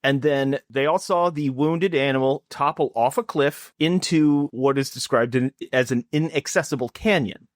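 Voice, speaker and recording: A man co-hosting a casual comedy podcast, telling a folklore story in a jokey, lively way. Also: moderate pace, hardly any pauses, no echo, clean studio sound. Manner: lively, jokey storytelling with big pitch swings.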